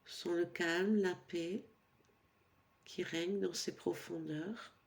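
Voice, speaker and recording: A female instructor with a fairly low, gravelly voice takes listeners through a sleep-focused yoga nidra meditation, her guidance calm and soothing with frequent pauses.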